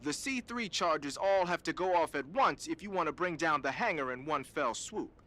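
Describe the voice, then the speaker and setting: An actor voices a cool, slangy male weapons expert in a video game, briefing in a casual, streetwise, chatty way. His fairly high voice is bright and forceful, animated at a normal speed, and the mood is breezy and instructive.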